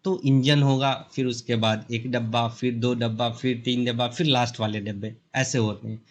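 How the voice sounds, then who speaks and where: In a casual lesson that loosely mixes Hindi and English, a young man with an Indian accent teaches beginner English grammar. His mid-range voice has fairly even intonation, and he uses simple, homely analogies to make each idea stick. He checks in with the learner after every point before moving on.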